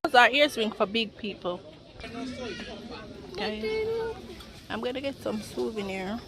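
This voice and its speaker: A woman's voice: a little high, lively intonation, measured pace, creaky. A Jamaican woman vlogging a trip, enthusiastic and chatty, calling her viewers guys. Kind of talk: casual travel vlog talk to viewers. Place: outdoors in a busy village setting. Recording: crowd chatter behind, outdoors.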